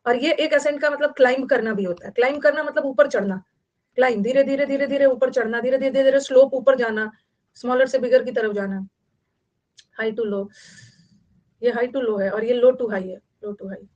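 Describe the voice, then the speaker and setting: A woman's voice: on the high side, normal speed, darkish tone, lo-fi sound. Indian woman teacher, repetitive explaining. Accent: Indian English. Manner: explains in mixed Hindi and English, repeating words and meanings. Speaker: English teacher. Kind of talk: online class lecture.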